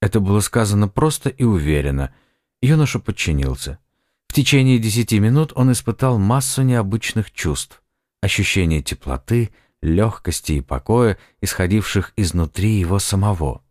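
A man narrating an audiobook in a steady, even storytelling manner. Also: on the low side, moderate pace, no echo, studio quality. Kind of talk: scripted narration.

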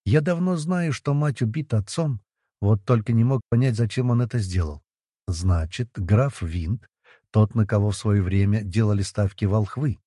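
Husky man reading an audiobook. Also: on the low side, moderate pace, dark tone, no echo, studio quality. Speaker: audiobook narrator. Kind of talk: audiobook narration.

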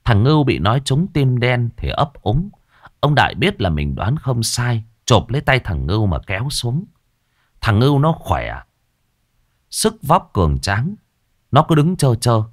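A man's voice: medium pitch, sing-song, a little slow, no room sound, clean studio sound. A man narrating a ghost story in a dramatic storytelling manner.

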